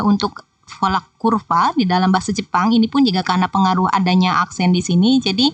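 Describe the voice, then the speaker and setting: A woman's voice: medium pitch, no echo, recorded from a distance. A woman teaching Japanese in a patient, explanatory tutorial voice-over that talks straight to viewers. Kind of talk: screen-recorded tutorial explanation.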